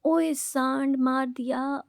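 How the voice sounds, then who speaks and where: A woman's voice: high voice, steady tone, slow pace, creaky, dry recording, studio quality, heavily acted. Woman reading as a brash, teasing young woman. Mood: scrappy. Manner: brash, playful, bossy.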